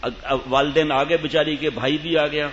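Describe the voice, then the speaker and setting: A man's voice: on the high side, fairly even intonation, a bit bright. A man preaching a humorous sermon to a live audience, teasing his listeners and acting out the people in his stories. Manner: jokey, teases the listeners, acts out quoted people. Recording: reverberant hall, dull lo-fi sound, faint room noise.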